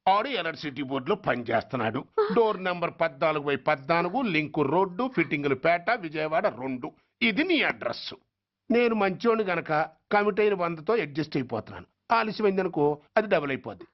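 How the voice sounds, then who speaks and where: A man's voice: a little high, big pitch swings, fast. An actor playing a cheeky male hustler who pleads in a theatrical, sing-song way, from a dull lo-fi film soundtrack. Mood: smug.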